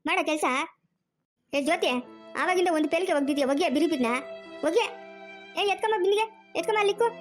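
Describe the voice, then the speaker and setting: A woman's voice: very high-pitched, fast talker, soft background music. A woman voicing a harsh, scheming middle-aged village aunt in a cartoon, barking orders. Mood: scolding. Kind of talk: cartoon dubbing.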